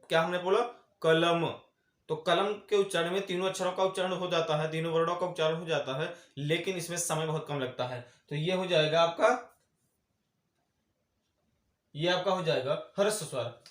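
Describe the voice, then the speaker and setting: A man's voice: a little high, a bit bright. Man teaching grammar in an echoey room. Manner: repeats definitions slowly, asks and answers his own questions. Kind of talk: explaining a grammar lesson.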